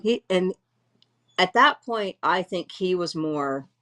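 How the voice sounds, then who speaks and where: A middle-aged woman at home giving an emotional first-hand eyewitness account, halting and restarting as she speaks. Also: fairly low pitch, expressive, fairly bright tone. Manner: halting, restarts often, voice full of distress. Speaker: eyewitness interviewee. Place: at home, dog nearby.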